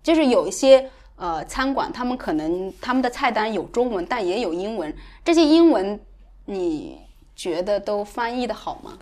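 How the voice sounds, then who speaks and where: A woman's voice: medium pitch, sing-song, normal speed, darkish tone. A woman acting as interviewer, asking questions in a casual, conversational way.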